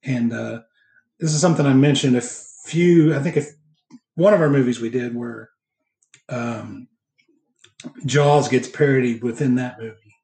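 A man's voice: mid-range voice, a little slow, long pauses, dark tone. A man hosting a casual film chat in a hesitant, rambling way. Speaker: podcast host. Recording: echoey, roomy sound.

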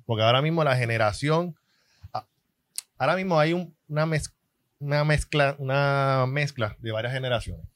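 A young man, a guest in a casual chat, talking haltingly and restarting sentences. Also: medium pitch, fairly bright tone, no echo, clean studio sound. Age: 20s.

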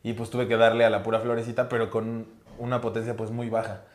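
A young man with a Mexican accent, a guest telling casual anecdotes in a relaxed way. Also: on the low side, fast, reverberant. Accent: Mexican Spanish. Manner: relaxed storyteller, acts out quoted lines.

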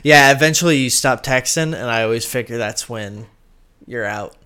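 A man's voice: medium pitch, normal speed, bright, forceful tone, clean tone. A man hosting a casual podcast about fights, easygoing and agreeable as he steers the talk along. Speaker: podcast host. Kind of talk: casual sports chat.

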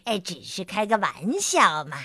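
A woman doing a bright teasing elephant. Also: fairly high pitch, lively intonation, a little slow, no room sound, clean studio sound. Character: sensible teasing elephant leader.

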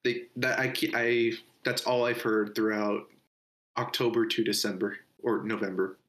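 A man's voice: fairly low pitch, flat delivery, normal speed, fairly bright tone. A man co-hosting a podcast, chatting casually about a movie, rambling, laughing often and swearing loosely. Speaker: podcast co-host. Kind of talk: casual movie review chat.

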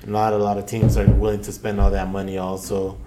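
A man co-hosting a casual football podcast, laid-back and ribbing, often trailing off softly. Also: on the low side, monotone, fairly quick, heavy background noise. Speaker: podcast co-host, football fan.

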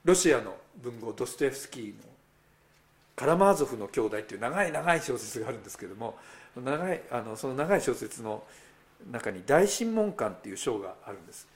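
A man's voice: medium pitch, very animated, fairly quick. A male pastor giving a sermon in a conversational way. He speaks straight to the congregation with rhetorical asides.

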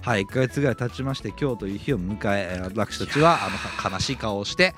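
A man in his thirties co-hosting a casual comedy podcast, firing off quick retorts and laughing often. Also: on the low side, music in the background. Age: 30s. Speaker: podcast co-host.

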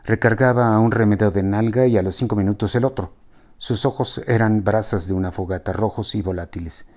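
A man reading a novel aloud as narrator, in an expressive, wry storytelling manner. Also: on the low side.

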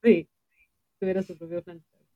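A woman's voice: on the low side, fairly even intonation, moderate pace, no room sound, muffled recording. A young Chilean woman in casual podcast chat, chiming in with short agreeing, slangy replies. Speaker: podcast co-host.

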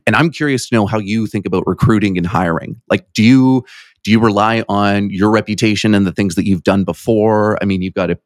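A man's voice: on the low side, fairly quick, no echo, studio quality. A man hosting an interview in a casual, chatty way, informal and curious, with a self-deprecating streak. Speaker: interviewer, podcast host.

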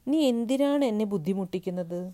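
A fearful, pleading wife in her late forties, as a woman reading a story puts her on, her voice pitched up and pushed louder than the narration. She speaks in an anxious, urgent way that tips into shouts. The tone stays low and mellow underneath. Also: expressive, fast talker, natural voice. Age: 40s. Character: anxious 48-year-old wife, fearful, then furious.

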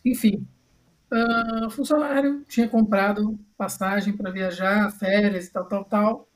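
A man's voice: high voice, fairly even intonation, a little slow. A man with a Brazilian Portuguese accent hosting a podcast, telling a workplace story in a slangy, dramatic way. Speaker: podcast host. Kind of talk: casual podcast chat.

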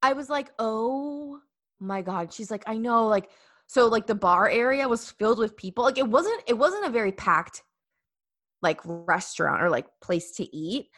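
Animated young woman telling a story. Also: on the high side, moderate pace, no room sound. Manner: animated, filler-heavy, acts out quotes. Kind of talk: casual storytelling chat.

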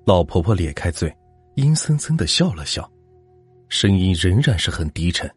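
Deep, husky male storyteller with lively delivery and faint music behind. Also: normal speed. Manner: dramatic, suspenseful narration. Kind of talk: scripted ghost-story narration.

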